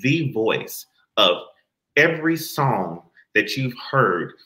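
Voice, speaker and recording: A man's voice: mid-range voice, sing-song, slow, bright, forceful tone, echoey room, low-quality recording. A man hosting a casual online chat show, joking and building up his guests. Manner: playful, hyped-up introductions. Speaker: show host.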